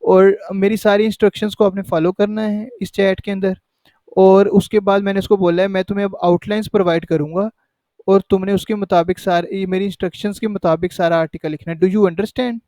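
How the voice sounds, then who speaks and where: A man hosts a relaxed step-by-step screen-recorded tutorial, chatting with the listener and regularly saying "ठीक है" to check in. His high, warm voice moves little in pitch, he talks fairly quickly, and there's no echo.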